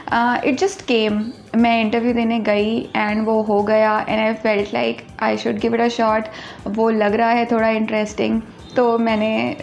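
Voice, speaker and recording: A woman's voice: fairly high pitch, vocal fry. A woman, chatting casually in a birthday Q&A vlog and mixing Hindi with English, self-deprecating and talkative. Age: 20s. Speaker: YouTuber answering viewer questions.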